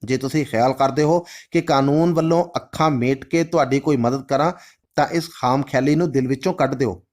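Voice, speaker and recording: A man voicing a stern, formal male official who speaks in a measured, lawful way. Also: medium pitch, darkish tone, lightly acted. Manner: formal, measured, Urdu-flavored phrasing.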